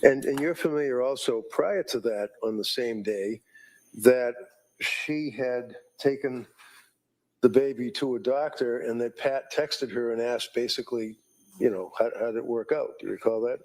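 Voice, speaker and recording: A man working as a defense attorney, cross-examining a witness in a courtroom recording, halting and repeating his words as he leads the questions. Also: medium pitch, darkish tone, rough recording.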